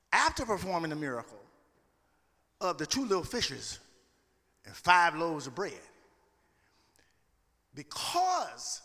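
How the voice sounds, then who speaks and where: Male Southern US preacher, folksy call-and-response sermon delivery, bright forceful tone, long hall reverb. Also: a little high. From Louisiana, United States. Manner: folksy, conversational asides with call-and-response to listeners. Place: large echoing room, preaching to a gathering.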